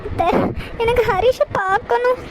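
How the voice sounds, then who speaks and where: Woman doing a very high-pitched young mother in labor. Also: unhurried, heavy background noise. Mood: pained. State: crying out in pain.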